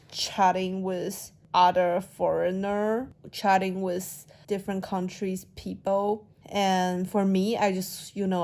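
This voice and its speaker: A young woman with a Chinese accent and a soft, sleepy way of talking, vlogging late at night. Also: mid-range voice. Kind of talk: casual late-night vlog.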